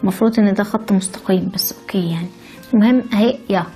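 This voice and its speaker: A language teacher with an Egyptian Arabic accent walks through writing letters step by step, cheerfully slipping in chatty stories. She talks fast in a mellow, medium-pitched voice. Soft background music accompanies her.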